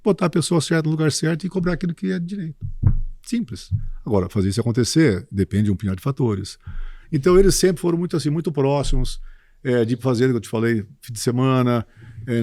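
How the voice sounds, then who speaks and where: A man in his sixties, a farm business owner, talking casually in an interview as a lively storyteller who keeps checking in with his listener. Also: medium pitch, fast, dry recording, clean studio sound. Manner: lively storyteller, often tags "entendeu" and "cara".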